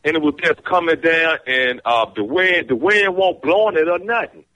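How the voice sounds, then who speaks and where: Man, caller, glitchy breaking-up phone audio, bright tense voice. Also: a little high, moderate pace. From Richmond, Virginia. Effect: breaking-up, glitchy phone-call audio.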